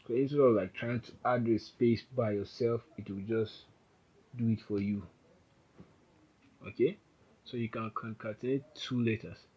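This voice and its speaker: A man's voice: mid-range voice, steady tone, normal speed, long pauses, breathy edge, muffled recording. A man giving an informal, rambling coding tutorial, often correcting himself as he types. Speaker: programming instructor. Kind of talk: casual screen-recorded coding tutorial.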